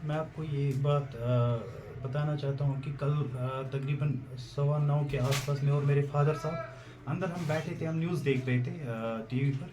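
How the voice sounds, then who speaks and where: A man's voice: on the high side, steady tone, noisy background. Hesitant young man, echoey outdoor interview. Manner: hesitant, many fillers, grows loud and urgent retelling the fire. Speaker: shop owner interviewed after a fire. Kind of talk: on-the-spot interview account. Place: outdoors by a burnt shop in a village. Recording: echoey outdoor field recording.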